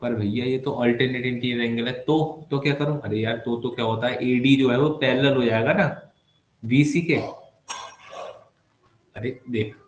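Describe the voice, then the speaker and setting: A man's voice: medium pitch, steady tone, measured pace, long pauses, muffled recording. A man teaching maths in an online class, playful and chatty, teasing his students with asides. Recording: echoey room with faint background noise.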